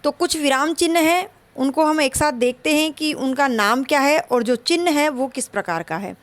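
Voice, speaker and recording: A woman teaching a Hindi grammar lesson for an exam, slow and explanatory, repeating her points. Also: high voice, no room sound.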